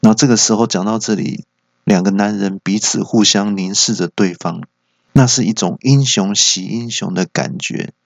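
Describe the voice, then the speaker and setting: A man's voice: fairly low pitch, moderate pace, vocal fry, no echo. A man hosting a podcast, telling jokes as an easygoing comic story. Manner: easygoing joke-telling narration. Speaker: podcast host.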